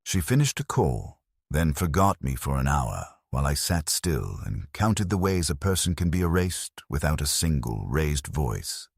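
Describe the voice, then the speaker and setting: A very deep, husky older man tells a first-person story in long, measured sentences. His voice moves with a lively rise and fall, and it is recorded close and dry with no room sound. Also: no echo. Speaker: narrator.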